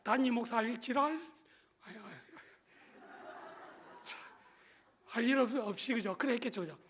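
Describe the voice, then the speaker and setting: A man's voice: very high voice, moderate pace, fairly bright tone, a little hiss or hum. A middle-aged male pastor with a Gyeongsang Korean accent, telling a personal story in a sermon with colloquial, joking asides to the congregation.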